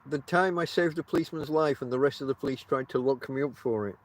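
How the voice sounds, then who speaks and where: At a quick pace and in a mid-range voice, a middle-aged man rambles casually on his podcast, cracking wry jokes at his own expense. He has no teeth, so he shapes his words with his lips folded over his gums.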